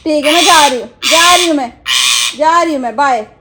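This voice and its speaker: A woman's voice: high-pitched, brisk, sharp tone, a little hiss or hum. A woman vlogger, chatting casually to her pet parrots and switching between scolding and coaxing baby talk.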